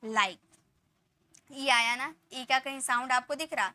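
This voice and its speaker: This is a woman with a high, bright voice teaching an English phonics lesson. She lays out each spelling rule slowly, then runs through the example words one by one, checking in with the viewer often. The sound is close and dry, with no room around it. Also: no room sound.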